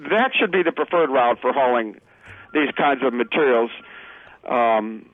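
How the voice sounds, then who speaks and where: A man guest on a radio show, speaking over the phone in an earnest, halting way with many fillers. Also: medium pitch, lively intonation, no echo, phone-quality sound. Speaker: political candidate guest.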